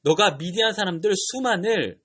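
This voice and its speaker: A man voicing God as a calm, reassuring divine figure, speaking slowly and solemnly in a lowered voice. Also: breathy edge, exaggerated voice. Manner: slow, lowered, solemn delivery.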